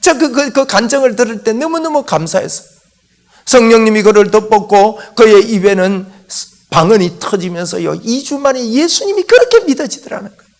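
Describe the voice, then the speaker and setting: A man pastor giving a Sunday morning sermon, emphatic and constantly addressing the congregation, swinging between loud exhortation and hushed lines. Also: sits high, lively intonation, fairly quick.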